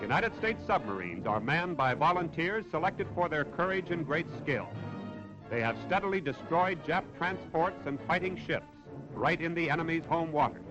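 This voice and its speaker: A man's voice: fairly high pitch, muffled recording. A man narrating a 1940s newsreel in a dramatic, declamatory manner, heard on an old newsreel recording. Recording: old newsreel soundtrack with loud music.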